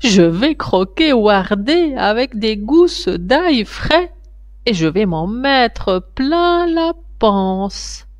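A woman puts on a wicked old ogress from a storybook, a peddler in disguise with a raised, singsong voice that swoops up and down. She stretches out her words slowly, wheedling one moment and menacing the next. The recording is close and dry. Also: on the high side, very animated, no room sound, heavily acted. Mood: gloating.

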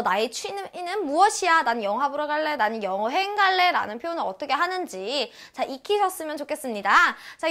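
A young woman leads a lively language lesson in a high, bright voice. Her pitch swings widely as she playfully acts out small everyday exchanges for her learners. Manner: bubbly, playful, acts out short dialogue snippets. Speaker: Chinese language teacher.

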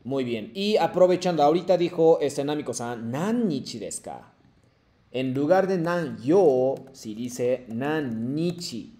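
A man's voice: a little high, animated, measured pace, dark tone. A man teaching a Japanese class, switching between Spanish and Japanese, who patiently repeats phrases and models them for his students. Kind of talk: online language class, mixing Spanish and Japanese.

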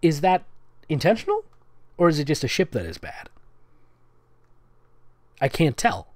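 A man with a fairly high, darkish voice whose pitch swoops wildly reads fan fiction at a measured pace as the host of a comedic dramatic reading. Between lines come sarcastic nitpicks and giggles; there's no room sound.

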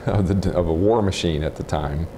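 An informal oral history interview captures a low-pitched nuclear physicist from Texas, an American man in his forties, recollecting his life. He is matter-of-fact, with halting pauses. He wears a clip-on mic indoors in a house, and faint noise sits in the background.

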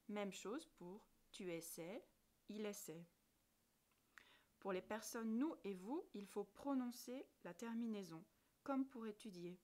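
A woman teacher narrating a scripted grammar lesson, articulating each word carefully and spelling out letters one by one. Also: medium pitch. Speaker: French language teacher.

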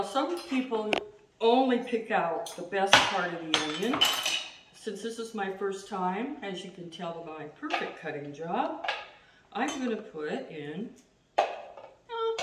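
A middle-aged woman chatting casually as she demonstrates a recipe at home, self-deprecating and quick to laugh. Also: medium pitch. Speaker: home cooking host. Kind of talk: casual cooking demo. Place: home kitchen, indoors. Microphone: far camera. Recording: roomy, distant, noisy.

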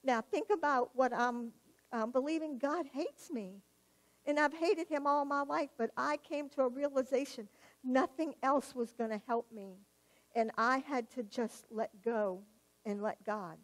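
A woman's voice: sits high, measured pace. A woman giving a personal testimony in church, telling her story vividly and acting out the dialogue. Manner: animated storyteller, acts out quoted dialogue, laughs at herself.

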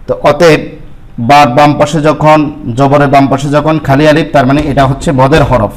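Male Quran teacher, slightly high voice; patient lesson delivery, drills syllables slowly and repeats them. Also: level tone, poor audio. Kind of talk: step-by-step lesson with spoken examples.

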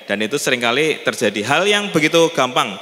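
A man's voice: medium pitch, big pitch swings, fairly quick, bright, forceful tone. A man leading a church seminar in a chatty way, turning to the audience with questions. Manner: chatty, mimics voices, asks the audience. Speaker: church event moderator. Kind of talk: casual church seminar talk. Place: church hall. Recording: long hall reverb with faint music.

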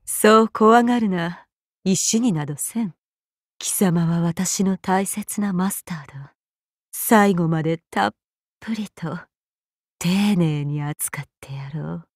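A woman's voice: on the low side, dry recording, clean studio sound. An actress playing a vengeful female gorgon monster in an anime game, imperious, cold and contemptuous. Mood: sinister, soft. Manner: imperious, cold, contemptuous, deliberate archaic phrasing. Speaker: voice actor. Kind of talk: scripted anime game character lines.

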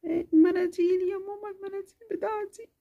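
A woman voicing a sick, eager little girl in a children's cartoon, talking in a soft, whiny, pleading way with an Egyptian accent. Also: extremely high pitch, fairly even intonation, fairly quick, narrow, tinny audio. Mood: sheepish. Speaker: cartoon character.

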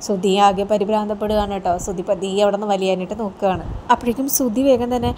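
Fast-talking woman recapping a TV serial. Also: a little hiss or hum. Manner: animated, raises her pitch when quoting characters; conversational fillers, asks listener "you hear?". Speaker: serial episode recap host. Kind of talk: casual storytelling recap.

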